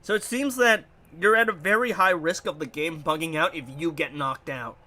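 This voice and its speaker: At a moderate pace and slightly high pitch, the congested young gamer casually narrates what he's playing, sounding animated, puzzled and a bit rambling.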